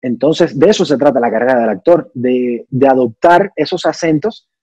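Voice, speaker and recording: With a warm, husky, medium-pitched voice at a moderate pace, a young man from Cuba, both actor and singer, reasons through ideas in a laid-back interview. He is explanatory and reflective, with many restarts and fillers. The audio has no echo but is poor.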